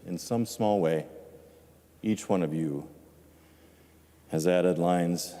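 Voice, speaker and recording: Deep-voiced older man in a reverberant chamber. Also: dark tone. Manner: measured, reflective, with dry humor. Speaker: departing state legislator. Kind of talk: farewell floor speech. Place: legislative chamber floor. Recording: long reverb of a large chamber.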